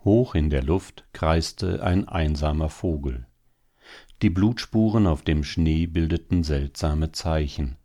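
A male audiobook narrator with a very low, deep voice and a dark, mellow tone. He reads in a measured, solemn manner, letting the sentences settle.

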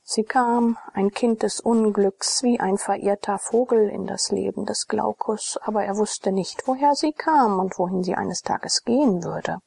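A woman narrates a classic story in a soft half-whisper. Her voice is gravelly and husky, with plenty of fry. The recording is close and dry, with no room sound. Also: mid-range voice, a little slow, few pauses, no echo. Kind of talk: whispered audiobook reading.

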